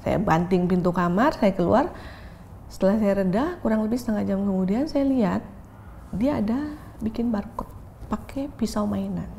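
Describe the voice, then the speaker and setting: A woman, giving a candid, reflective interview testimony. She switches into English phrases mid-sentence, and her voice sits at an everyday middle pitch with a faint hiss behind it. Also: moderate pace, gravelly, warm tone. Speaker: pastor and interview guest.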